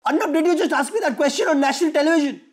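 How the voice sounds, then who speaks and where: A man's voice: very high voice, very fast. A man with an Indian accent, a guest in a comedy spoof interview, protesting indignantly.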